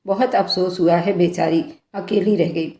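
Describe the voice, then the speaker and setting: A woman's voice: lowish voice, fairly even intonation, normal speed, mellow, echoey room, lightly acted. A woman voicing a prying older aunt in a spoken story. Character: older nosy aunt, sympathetic-sounding.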